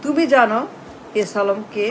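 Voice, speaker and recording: A woman with a mid-range voice rants to camera at a moderate pace, delivering political commentary through a barrage of scornful, accusatory rhetorical questions. Her questioning is emphatic and repetitive. The recording is rough, with slight background noise.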